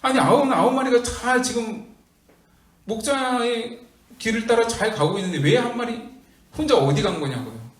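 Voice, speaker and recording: Male pastor, sermon, high voice, rhetorical questions, roomy church hall. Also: animated, moderate pace, distant mic. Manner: rhetorical questions, emphatic storytelling.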